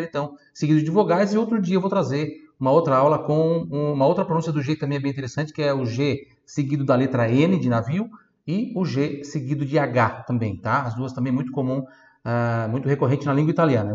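Patient man teaching Italian, roomy sound. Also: mid-range voice. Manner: patient, drills words slowly, spells letter by letter, frequent "né" and "tá". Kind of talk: online language lesson. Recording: roomy, slightly dull sound.

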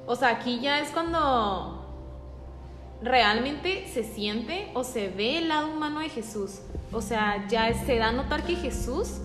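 A woman's voice: on the high side, echoey room, big-room sound. A woman on a faith podcast, sharing a thoughtful reflection and searching for words. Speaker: podcast co-host. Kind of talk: reflective religious talk.

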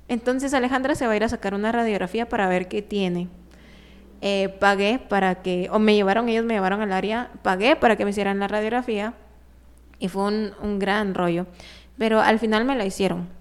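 Smooth-voiced woman telling a story. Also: mid-range voice. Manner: animated, laughing as she tells it, with many fillers. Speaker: guest telling a personal story. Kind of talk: casual conversational storytelling.

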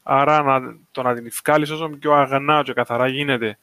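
A man's voice: medium pitch, fairly even intonation, bright, forceful tone, smooth, no room sound. A man with a Cypriot Greek accent, talking in a casual discussion. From Cyprus.

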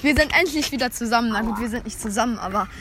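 A woman's voice: fairly high pitch, rapid-fire, fairly bright tone, a little hiss or hum. A young woman hosting a casual podcast chat, giggling often and steering the talk. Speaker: podcast host.

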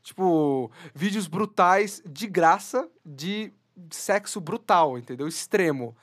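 A man's voice: sits high, animated, slow pace, fairly bright tone. A Brazilian man co-hosting a podcast, rambling and stammering through jokey news chat. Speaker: podcast co-host. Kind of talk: casual comedic news chat.

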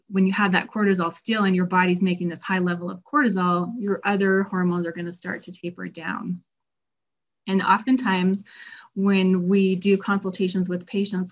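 A middle-aged health practitioner in Colorado gives patients an informal, conversational talk about stress, acting out their quotes as her voice gives out. Her voice sits lowish, and the recording is dull and lo-fi.

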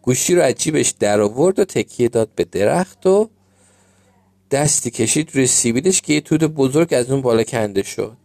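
Mellow man reading a children's story. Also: mid-range voice, lively intonation, gravelly, no room sound.

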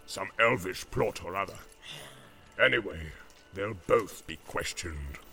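A man voicing a deep-growling, pompous orc captain who speaks slowly and commandingly. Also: gravelly, sharp tone, soft background music, full character voice.

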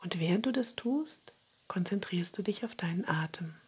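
A woman guiding a relaxation meditation in a soft, soothing spa-like whisper, breathy and husky. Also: lowish voice, lively intonation, moderate pace. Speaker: relaxation exercise guide.

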